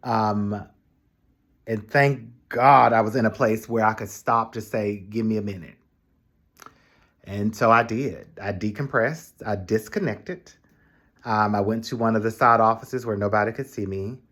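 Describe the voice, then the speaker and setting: A man casually telling a story in his vlog, animated, with sudden high exclamations and acted-out quotes of other people. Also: unhurried. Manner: acts out quoted voices in his retelling. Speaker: vlogger.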